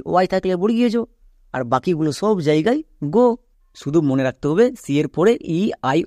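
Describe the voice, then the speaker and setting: Man teaching spelling with a mellow, dry voice. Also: a little high, dry recording. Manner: asks the viewer questions, then answers them himself; spells words out letter by letter, slowly. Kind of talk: explanatory lesson.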